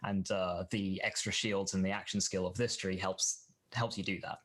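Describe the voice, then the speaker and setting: Low-voiced man explaining game skills. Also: level tone, normal speed, a bit bright. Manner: explanatory, thinks aloud. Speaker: guest expert. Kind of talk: game reveal discussion.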